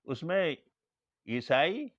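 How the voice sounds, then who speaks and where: A male Islamic scholar with a somewhat high voice gives a religious lecture, telling stories and acting out the dialogue. The recording is dull and lo-fi, with a dry sound and no room echo. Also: very animated. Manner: storytelling, acts out dialogue in quoted lines.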